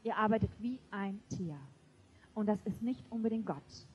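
A woman preaching a sermon to a congregation, emphatic and lively, often laughing. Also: mid-range voice, normal speed, highs cut off, slight background noise. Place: church before a congregation.

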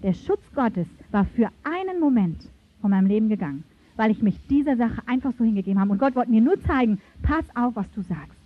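Delivering a sermon, this woman is lively and emphatic, with sweeping pitch changes through her storytelling and scripture reading. Her pace is a little fast, captured in a dull, lo-fi recording.

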